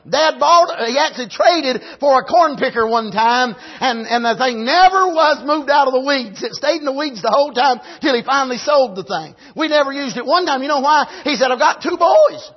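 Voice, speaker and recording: This dull, lo-fi sermon features a husky, very high-voiced middle-aged man with an Appalachian accent, raised on a farm in rural America. He talks at normal speed with hardly any pauses, telling folksy stories and restarting or repeating phrases to drive points home.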